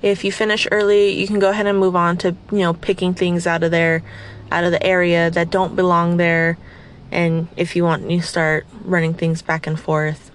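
Sleepy, slightly raspy woman podcaster. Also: on the low side, flat delivery, moderate pace, a little hiss or hum. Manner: chatty and rambling, self-deprecating. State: slightly raspy, just woken up. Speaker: podcast host. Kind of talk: casual guided cleaning session.

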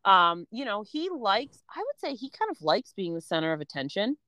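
Woman, 30s, podcast co-host, casual frank chat, lots of fillers, mid pitch, dry close recording. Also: very animated, normal speed, pushed and bright, no room sound, rough recording. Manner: chatty, frank, many fillers like "um" and "you know". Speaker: podcast co-host, homeschooling mom.

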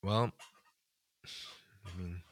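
A young man in his late twenties talks in a deep voice with a bright edge, recorded dry. He speaks hesitantly, halting often and filling his pauses with "um" and "like.". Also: steady tone, no room sound. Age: 20s. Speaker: podcast co-host. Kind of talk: casual chat.

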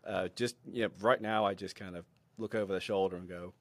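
A man who mentors a robotics team, a podcast guest telling animated, self-deprecating stories with frequent laughter. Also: sits low, brisk, no echo. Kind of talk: conversational interview storytelling.

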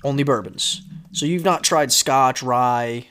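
A man's voice: medium pitch, takes it slowly, a bit bright. A man hosting a podcast over whiskey, chatting loosely and joking, swearing casually. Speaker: podcast host. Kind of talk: casual chat.

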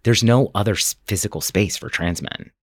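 Deep-voiced man, earnest and rambling. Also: moderate pace, breathy edge, no room sound, clean studio sound. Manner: earnest, rambling, many fillers and restarts. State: choked up at times. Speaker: camp founder, guest. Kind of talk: interview clips.

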